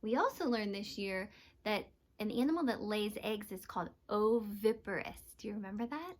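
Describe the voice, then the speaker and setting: In a read-aloud lesson, a woman teacher speaks to young students at a moderate pace, her mid-range voice full of lively intonation. She keeps explanations simple and puts questions to the kids.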